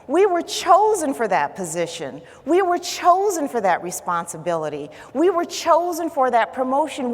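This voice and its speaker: A woman giving a conference keynote, telling a personal story with dramatic swings from hushed to emphatic. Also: a little high. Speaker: keynote speaker. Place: large conference hall. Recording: hall reverb.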